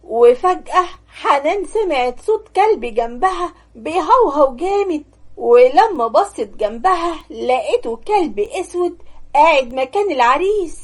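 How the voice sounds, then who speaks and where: A young woman with an Egyptian accent narrating a story in a steady, even manner. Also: sits high, normal speed. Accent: Egyptian Arabic.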